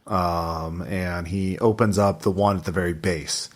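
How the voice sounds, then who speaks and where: Low-voiced man running a tabletop game. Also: fairly even intonation. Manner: conversational, halting, repeats phrases. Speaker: game master. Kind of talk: improvised narration of a tabletop role-playing game.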